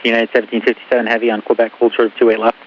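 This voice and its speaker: A man's voice: mid-range voice, monotone, very fast. A man working as an airport tower controller, giving air traffic instructions over the radio. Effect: radio transmission. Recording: muffled radio with faint hiss.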